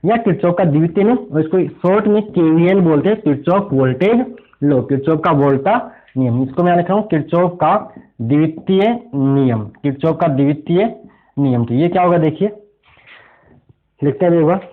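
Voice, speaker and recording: A man's voice: on the high side, expressive, moderate pace. A man teaching a physics revision lesson, explaining step by step and asking his students rhetorical questions as he works through problems. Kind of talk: exam revision lecture at a board. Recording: tinny phone-like audio.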